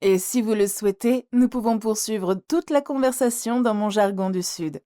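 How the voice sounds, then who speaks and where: A woman's voice: mid-range voice, normal speed, dark tone, natural voice. A woman voicing a cultured, playful young American singer in an audiobook, speaking politely. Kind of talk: audiobook character reading.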